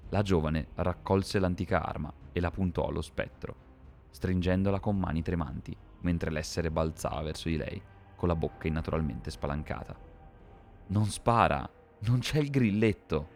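A man reading a dark fantasy story aloud in a measured, dramatic scripted narration. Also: deep voice, fairly even intonation, gravelly, faint music behind.

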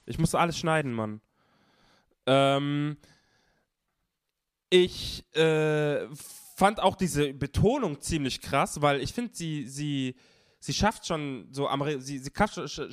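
A man's voice: fairly high pitch, animated, a little slow. A man in casual chat about a rap song, talking in slang with stammers and blunt teasing. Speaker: podcast host who edits the show. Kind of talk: casual music review chat.

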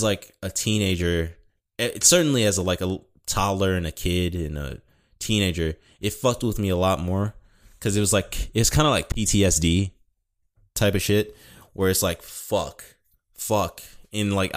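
A young man talking casually and rambling, swearing often and correcting himself, with a mild speech impediment. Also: low voice. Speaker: podcast host. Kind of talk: casual solo talk.

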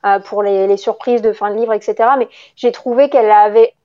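A woman's voice: medium pitch, fairly even intonation, fairly quick, muffled recording. A woman co-hosting a casual book podcast, explaining at length with many hesitations. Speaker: podcast co-host. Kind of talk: casual chat about books.

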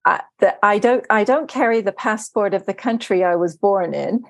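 A middle-aged woman raised in Germany, a life coach appearing as a podcast guest, speaks at medium pitch and a moderate pace in a dry recording. In the casual interview chat she's warm, laughs often and talks easily about her faith.

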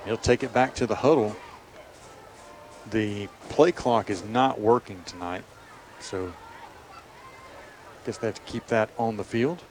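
A man's voice: lowish voice, a little slow, long pauses, a little mellow. A man doing live play-by-play radio commentary on American football. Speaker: play-by-play sports announcer. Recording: clear outdoor stadium background noise.

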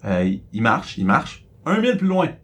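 A man with a Quebec French accent co-hosting a casual podcast, telling a story with rising questions and quick asides. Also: mid-range voice, very animated, a bit bright, a little hiss or hum. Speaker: co-host.

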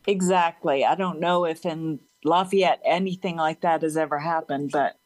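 A woman's voice: deep voice, fairly even intonation, normal speed, darkish tone, dry recording, poor audio. A woman speaking as an interview guest in a casual conversational way, open and chatty, with a slight slur and a tendency to laugh. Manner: slight slur in her speech. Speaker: interview guest, support group leader.

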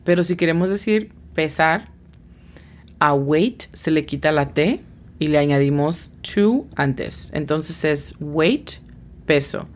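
A woman with a low voice leads a scripted language lesson at an unhurried pace. She is patient and spells out every pronunciation letter by letter. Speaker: English teacher and host.

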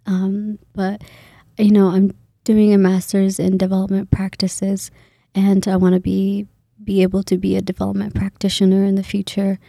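A woman's voice: mid-range voice, completely flat delivery, moderate pace, vocal fry, dark tone, no room sound, clean studio sound. A woman in her twenties from Kenya, a graduate student talking in a casual interview, hesitant with many fillers and restarts.

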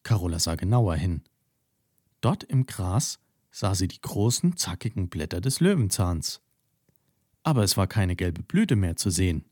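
A man narrating a children's story in an expressive storytelling way. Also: low voice, measured pace, no echo, clean studio sound.

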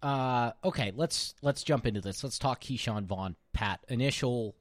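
A man hosting a casual sports podcast, relaxed and chatty, sometimes talking while eating. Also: mid-range voice, normal speed, no echo, clean studio sound. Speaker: podcast host.

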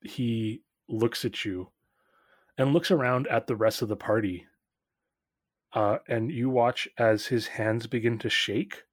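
A man's voice: medium pitch, no room sound, clean studio sound. A man narrating as game master in a tabletop game, casual, with lots of fillers.

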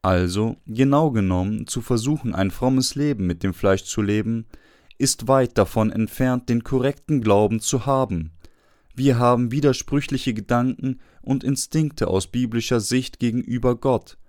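A man reading a sermon aloud at a steady pace, putting rhetorical questions to his listeners. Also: mid-range voice, moderate pace, no room sound, studio quality. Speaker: preacher. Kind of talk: read-aloud sermon on a Bible verse.

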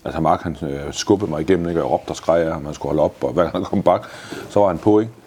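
Dark-toned man, 50s, enthusiastic, swears casually. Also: low-pitched, breathy edge. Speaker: guest. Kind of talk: casual interview answers.

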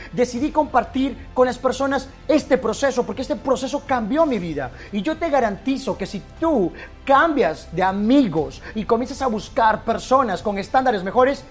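A man giving an impassioned motivational speech, swinging between loud bursts and hushed, intense lines. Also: very high voice, expressive, moderate pace, faint music behind. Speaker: motivational speaker.

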